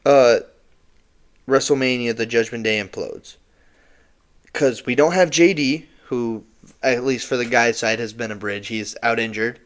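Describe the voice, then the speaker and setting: A man's voice: medium pitch, unhurried, pauses often. A young man co-hosting a casual wrestling recap podcast, rambling and stumbling over words. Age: young adult. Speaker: podcast co-host.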